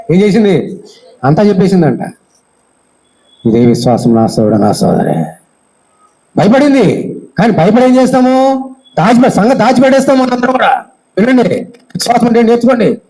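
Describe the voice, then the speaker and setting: A man's voice: high-pitched, very animated, normal speed, pauses often, mellow, low-quality recording. A male pastor giving a sermon, often asking the congregation questions and acting out the voices of Bible figures. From India.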